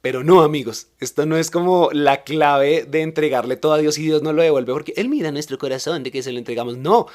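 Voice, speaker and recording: A man's voice: on the high side, a little fast, hardly any pauses. A man hosting a podcast, telling a personal faith testimony in a casual, self-deprecating way. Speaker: podcast host.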